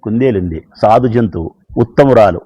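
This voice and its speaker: A man telling a fable slowly and dramatically, with much repetition. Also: on the low side, breathy edge, lo-fi sound. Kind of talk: storytelling speech.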